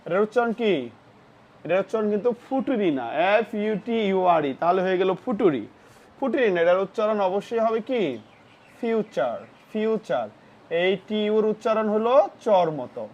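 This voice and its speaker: Teacher for a children's phonics lesson, patient and repetitive, mid-pitched voice, muffled recording. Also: a little fast, a little mellow. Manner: spells words letter by letter and asks questions of the pupils; patient, repeats each word and its meaning. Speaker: English vocabulary teacher for children. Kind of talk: classroom-style phonics lesson.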